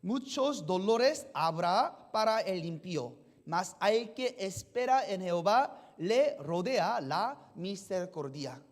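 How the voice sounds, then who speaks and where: A pastor preaching a sermon in simple, halting sentences. The pastor keeps asking the congregation questions and checking in with "yes?". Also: mid-range voice, lively intonation. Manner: simple, halting phrasing with restarts.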